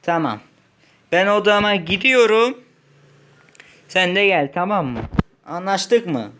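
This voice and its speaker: Whiny high-voiced man playing a patient. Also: expressive, slow pace, a bit bright, a little hiss or hum. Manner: whiny, complaining, playfully dramatic. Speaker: gaming video host. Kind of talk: playful game role-play, playing a patient.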